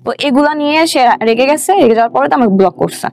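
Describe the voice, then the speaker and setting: With music in the background, a young woman speaking with a Bangladeshi Bengali accent relates her own experiences in a colloquial way, slipping in English words as an interview guest. Her high voice is expressive, fast, gravelly and a little mellow.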